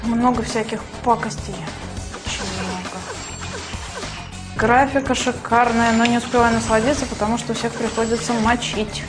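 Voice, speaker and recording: A young woman with a slightly high voice comments casually on a game. She speaks in short, halting phrases, with music clearly audible behind her. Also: flat delivery. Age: young adult. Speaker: martial artist reviewing a game.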